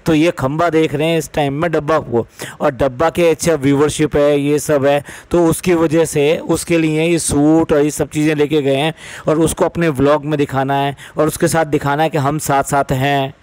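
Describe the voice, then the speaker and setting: A man's voice: a little high, no room sound. A man giving mocking, sarcastic commentary on a vlogging family's behaviour.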